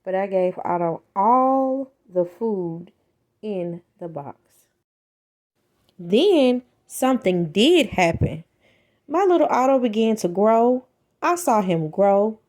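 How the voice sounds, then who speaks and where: Reading a children's book, a woman takes on the role of an animated storyteller, her pitch running on the high side. She delivers her emphasis in a pointed, theatrical way.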